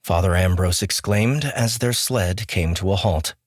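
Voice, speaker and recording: A man reading an audiobook in a measured, steady manner. His voice sits low and deep, recorded close and dry with no room sound. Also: no echo. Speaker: audiobook narrator. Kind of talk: scripted narration.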